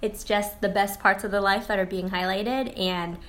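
A young woman co-hosting a casual podcast, relaxed and chatty, laughing often. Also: medium pitch, normal speed. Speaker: podcast co-host. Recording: faint background noise.

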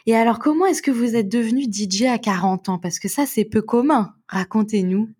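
A woman hosting a podcast interview, asking questions and calmly rephrasing the guest's points. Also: fairly high pitch, a little fast, husky. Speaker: podcast host.

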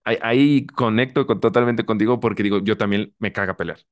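Mexican male host, somewhat low voice, reflective, often restarts his words. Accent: Mexican Spanish. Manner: reflective, repeats back what he heard, halting restarts. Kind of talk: casual chat.

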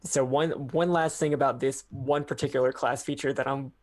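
A man, a player in a tabletop game, casually and haltingly explaining rules. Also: mid-range voice, steady tone, a little mellow.

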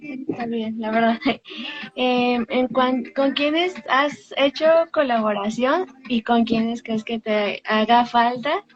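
A woman's voice: fairly high pitch, takes it slowly. A woman interviewer asking casual questions, recorded with a slightly dull, lo-fi sound.

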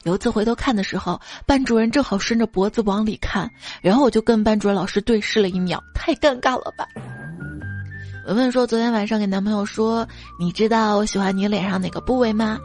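A woman's voice: medium pitch, a little fast, a little mellow, faint music behind. A woman radio show host reading out listener jokes, playful and acting out the quoted voices.

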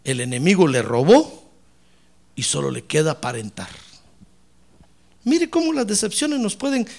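A man preaching a lively sermon as a pastor, acting out church members in comic voices. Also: high voice, creaky.

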